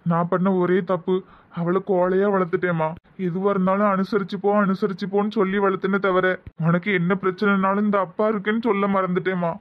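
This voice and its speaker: A woman voicing a kindly, grieving middle-aged father in a cartoon, speaking gently with a Tirunelveli Tamil accent. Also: medium pitch, little pitch movement, a little fast, no echo, natural voice. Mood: regretful. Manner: gentle, consoling. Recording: tinny phone-like sound.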